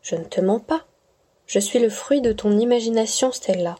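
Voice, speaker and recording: A woman's voice: fairly high pitch, normal speed, slightly rough. A woman whispering as an unseen eerie voice. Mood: calm. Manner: calm, unvoiced whisper. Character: unseen, unreal whispering female voice.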